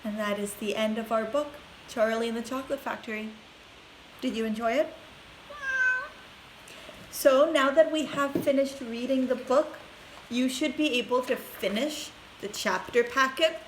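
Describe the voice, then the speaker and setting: A woman teacher reading a children's book aloud with clear, expressive storytelling, then giving class instructions. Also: fairly high pitch, normal speed, pauses often. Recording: roomy echo, faint hiss.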